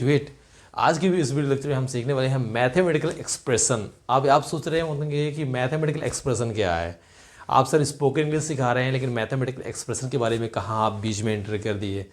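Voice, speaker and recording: A man's voice: medium pitch, a little mellow. A young man teaching in a video lecture, mixing Hindi and English, who asks rhetorical questions and repeats the answers.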